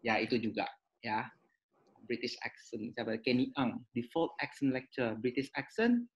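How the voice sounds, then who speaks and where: A man's voice: mid-range voice, measured pace, dull audio. A man, an education consultant giving chatty advice in a webinar, mixing in English phrases.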